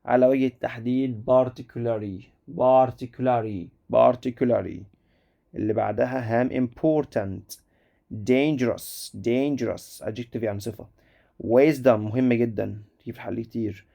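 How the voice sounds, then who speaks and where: A man with an Egyptian Arabic accent teaching an English vocabulary lesson, repeating each word slowly and answering his students' questions as if they had asked them. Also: mid-range voice, steady tone, gravelly, warm tone.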